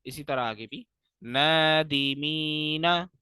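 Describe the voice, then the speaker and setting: Young male Quran teacher, from Pakistan, patient step-by-step explanations, slow loud drawn-out recitation, dry close sound. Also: on the high side, no room sound. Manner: explains patiently step by step, stretches recited words slowly and loudly.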